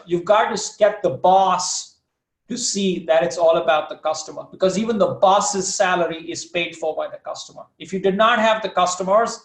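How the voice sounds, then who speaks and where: A man with a fairly high voice, lecturing as a professor and taking questions from his students. He talks in a thoughtful, unhurried way, often pausing on fillers and starting sentences over. The sound carries a noticeable room echo. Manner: thoughtful, with frequent fillers and restarts.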